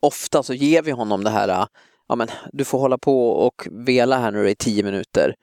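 A man's voice: mid-range voice, no room sound, clean studio sound. A man, chatting casually on a podcast and recounting a funny story. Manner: chatty, lively when recounting, quotes others. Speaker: podcast co-host, parent. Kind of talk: casual chat.

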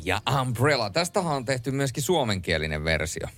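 A man's voice: mid-range voice, big pitch swings, fairly bright tone. A man co-hosting late-night radio from a studio, playfully quizzing listeners and joking with his co-host. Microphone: studio microphone.

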